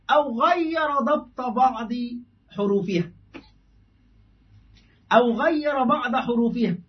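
A man teaching a classical Arabic linguistics text as a sheikh, explaining step by step and acting out exchanges with a student. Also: high voice. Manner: explanatory, acts out dialogues with a student. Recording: distant muffled lecture recording.

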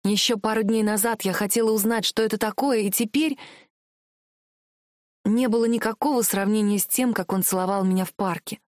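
A woman's voice: mid-range voice, steady tone, fairly quick, darkish tone, no room sound. Woman narrating an audiobook, dry sound. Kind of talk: first-person audiobook narration.

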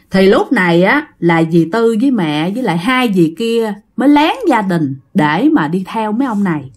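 A woman with a Southern Vietnamese accent telling a ghost story in a chatty way, talking to listeners. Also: on the high side. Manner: chatty, addressing listeners directly. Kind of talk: casual ghost story narration.

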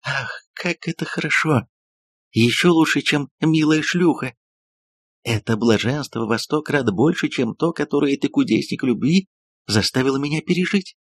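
A breathless, theatrical woman novelist gushes in exalted tones, as a male audiobook reader puts her on. The voice is husky and close, with no room around it at all. The delivery is even and measured despite the rapture. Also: mid-range voice, no echo, pitched above the performer's own voice. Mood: rapturous. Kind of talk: audiobook reading.

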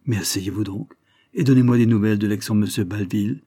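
A man voicing a gentle, gracious young married woman in a read-aloud story, speaking softly and kindly. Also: on the low side, quick pace, dry recording, clean studio sound, lightly acted. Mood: warm.

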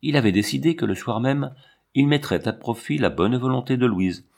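A man reading a novel aloud as narrator in a measured, steady way. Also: medium pitch, creaky. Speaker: audiobook narrator. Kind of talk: scripted narration.

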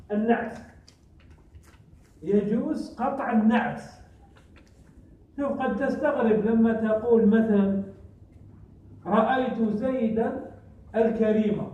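A man teaching a classroom grammar lesson, often quizzing his students with short questions and repeating example sentences slowly. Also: very high-pitched. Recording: echoey, distant, phone-like recording.

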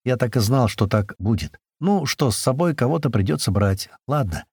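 A man reading a first-person audiobook aloud, brisk storytelling with voiced dialogue. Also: medium pitch, expressive, a little mellow, breathy edge, dry recording, clean studio sound. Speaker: audiobook narrator.

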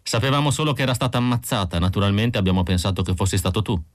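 A man's voice: on the low side, rapid-fire, no room sound, clean studio sound, close to an everyday voice. A man reading an audiobook, voicing a young female android who sounds tense and pleading, in a raised voice. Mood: brisk. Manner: anxious, breathless pleading.

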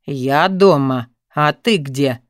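A woman's voice: sits low, slow, no room sound, clean studio sound, voice pushed down. A woman reading an audiobook voices a young man on the phone who speaks in terse, clipped, commanding replies. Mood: cold curt.

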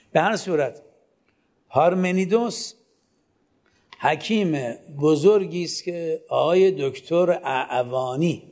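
A man with a mid-range, slightly mellow voice lectures a class. He keeps posing questions to the students and answering them himself, and gives them direct instructions.

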